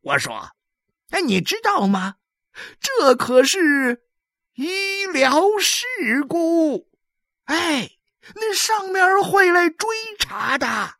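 A loud, blustering boss of a blood station scolds in a high, strained voice, as a woman puts him on for a storybook reading. His voice leaps wildly up and down, and the recording is dry and close. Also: sing-song, extremely slow, no echo, exaggerated voice. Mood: scolding. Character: blustering bossy man in charge of blood selling.

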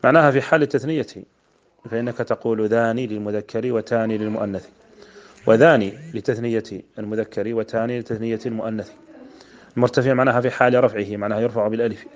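A man's voice: fairly low pitch, fairly even intonation, quick pace. A man from Mauritania, a sheikh teaching grammar, who goes through a poem line by line, repeats word forms and chants the verses he quotes. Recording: dull lo-fi recording.

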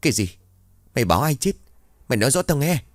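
Một người đàn ông đóng vai lão địa chủ già tham tiền, gắt gỏng, quát mắng người hầu. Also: male voice, medium pitch, very animated, quick pace, dry recording, pitched above the performer's own voice. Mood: angry. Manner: barking, scolding. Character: greedy bad-tempered old landowner.

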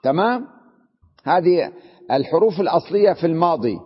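A man's voice: a little high, sing-song, fairly quick, slightly rough. A man teaching an Arabic grammar lesson, explaining step by step and often putting questions to his students. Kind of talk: classroom lesson. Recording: dull lo-fi recording in a reverberant hall.

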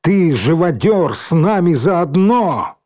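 A man's voice: on the high side, big pitch swings, slow pace, a little mellow, pitched above the performer's own voice. A man doing a stern commanding schoolgirl. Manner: commanding, scornful.

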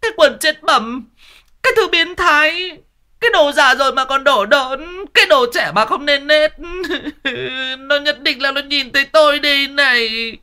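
A man's voice: very high-pitched, unhurried, sharp tone, voice pushed up, full character voice. A man voicing an indignant old woman who screeches and scolds. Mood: scolding.

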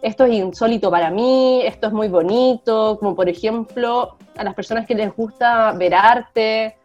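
A woman with a Chilean accent co-hosts a podcast in casual chat, her voice a little high and darkish in tone at a moderate pace. The audio is dull and lo-fi, with a music bed underneath.

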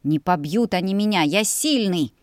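A woman's voice: lowish voice, animated, moderate pace, no echo, studio quality, natural voice. A woman reading as a proud young dragon suitor. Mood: stubborn. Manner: boastful, stubborn.

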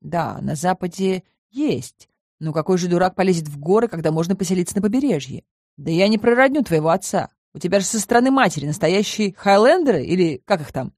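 A woman's voice: lowish voice, expressive, fairly quick, a little mellow, dry recording, clean studio sound. A woman reading the part of a curious, skeptical young man who questions and doubts his friend in an audiobook. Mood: questioning.

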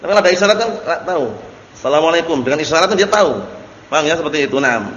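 A man's voice: fairly high pitch, animated, very fast, a bit bright, muffled recording. A man teaching a religious study class, explaining Arabic text and often asking his students questions. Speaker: Islamic teacher. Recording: echoey hall recording with faint noise.

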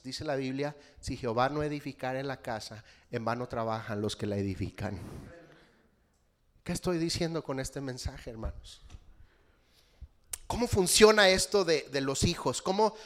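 A middle-aged man with a Mexican accent preaching a sermon, animated and constantly addressing the congregation as brothers. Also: mid-range voice. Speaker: pastor.

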